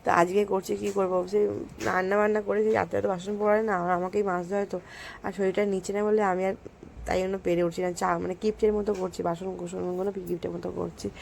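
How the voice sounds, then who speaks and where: A woman with a West Bengal Bengali accent chats in a rambling way to her viewers while she cooks at home. She is unwell and speaks slowly, and her voice has a gravelly fry. Faint background noise runs under her talk. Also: medium pitch, flat delivery, a little mellow. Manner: chatty, rambling, addresses viewers directly. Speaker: home cooking vlogger. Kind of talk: casual cooking vlog chat. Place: home kitchen.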